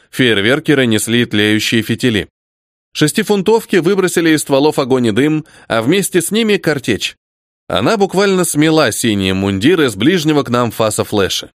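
A man reading a first-person audiobook in a dramatic, expressive manner. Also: mid-range voice, dry recording, clean studio sound. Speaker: audiobook narrator.

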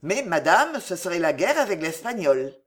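A woman voicing an impulsive, excitable young king in an audiobook, in a lowered voice full of boyish enthusiasm. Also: moderate pace. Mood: eager. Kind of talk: audiobook character reading.

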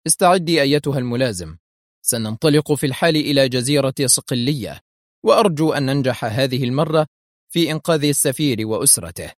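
A man voicing a calm, wry male secret agent who speaks with firm composure. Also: mid-range voice, fast talker, no room sound, studio quality, natural voice. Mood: cool.

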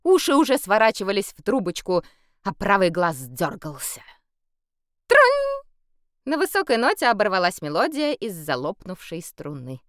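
A woman narrating an audiobook in a lively, expressive storytelling manner. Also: mid-range voice, moderate pace, no echo, clean studio sound. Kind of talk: scripted narration.

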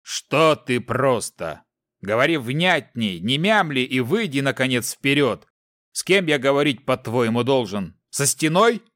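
A man's voice: medium pitch, animated, slow, a bit bright, no room sound, clean studio sound. A man voicing an arrogant, contemptuous sylph elder who bullies and interrupts his recruits in an audiobook. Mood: scornful. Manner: contemptuous, menacing, cuts people off. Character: arrogant, bullying male sylph elder, commander. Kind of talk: audiobook character voice.

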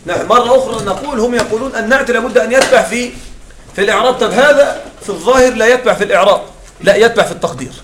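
In a classroom lecture on Arabic grammar, a man with a very high, very fast, slightly bright voice walks his students through each step and keeps checking that they're following. The room is echoey, he's far from the mic, and there's a bit of background noise.

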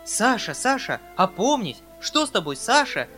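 Storybook: man playing a panicked, kindly uncle, high and pleading. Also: moderate pace, bright, forceful tone, faint music behind. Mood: desperate. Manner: desperate pleading cries. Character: frantic, soft-hearted middle-aged uncle.

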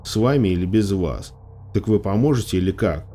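A male audiobook reader voicing a stubborn, determined young girl, pitched a little higher than his own voice. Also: lively intonation, a little fast, warm tone, a little hiss or hum. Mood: insistent. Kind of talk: audiobook character voice.

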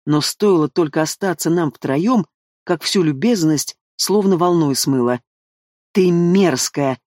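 A man's voice: on the high side, unhurried, no echo, studio quality. Man reading a fantasy audiobook. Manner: expressive storytelling. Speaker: audiobook narrator. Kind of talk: scripted first-person narration.

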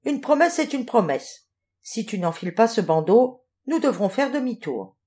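A woman's voice: fairly high pitch, sing-song, moderate pace, mellow. A woman voicing a grumbling, kindly male pelican in a children's audiobook. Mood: reassuring. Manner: grumbling, reassuring. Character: grumbling male pelican, a patient helpful friend.

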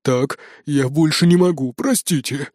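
A man voicing a huge, gruff male khan and colonel who growls and mocks, in an audiobook. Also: fairly high pitch, unhurried, darkish tone, no room sound, clean studio sound. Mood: flustered.

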